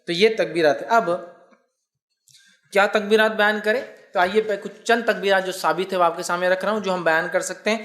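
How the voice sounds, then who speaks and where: Speaking with a bright, fairly even voice that sits high, a man preaching Islam works slowly through his lecture. Arabic recitations punctuate his explanations, and he keeps urging the audience through repeated reminders.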